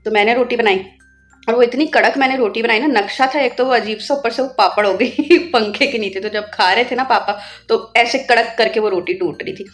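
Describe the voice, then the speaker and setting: A young woman vlogging in a casual, chatty way, telling family stories and turning soft and wistful when she remembers. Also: fairly high pitch, a little fast, soft background music. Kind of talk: casual vlog chat.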